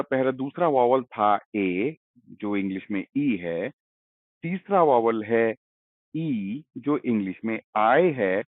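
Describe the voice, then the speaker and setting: A man's voice: medium pitch, no room sound. A man teaching letter sounds in a patient, explanatory way, stretching out key sounds. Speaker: language teacher. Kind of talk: explaining Spanish letters in Hindi. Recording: dry, phone-like narrow sound.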